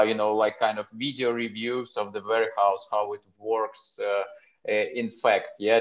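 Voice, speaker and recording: A man speaking as a software company executive on a panel video call, halting and full of fillers. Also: on the low side. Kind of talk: panel discussion. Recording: muffled video-call audio.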